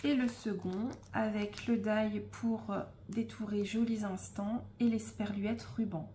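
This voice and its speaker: A woman hosting a casual unboxing of craft supplies, speaking in a relaxed, hesitant way with frequent fillers and soft asides. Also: mid-range voice, slow pace, slight background noise. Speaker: scrapbooking shop host.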